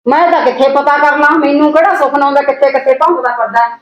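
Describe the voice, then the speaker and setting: Actress as a high-voiced scolding village wife, echoey room, middle-aged. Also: female voice, fairly even intonation, fast talker, dull audio, close to an everyday voice. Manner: sharp-tongued, taunting. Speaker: headman's wife. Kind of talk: amateur short film acting.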